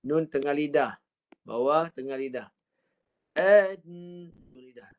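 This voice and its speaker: A man with a Malaysian Malay accent teaching an online Quran reading lesson, patiently drilling letter sounds and stretching out Arabic words as he demonstrates them. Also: mid-range voice. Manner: slow, patient drilling with counting and model recitation.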